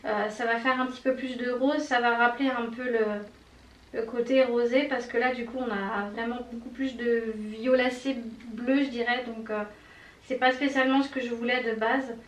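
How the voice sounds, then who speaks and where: Woman, makeup tutorial, chatty, gushing, slightly high voice, echoey room, mic a bit far off. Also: fairly even intonation, normal speed. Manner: chatty, enthusiastic, many fillers and little exclamations. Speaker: beauty vlogger. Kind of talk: casual makeup tutorial commentary. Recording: roomy echo, mic at a distance, faint noise.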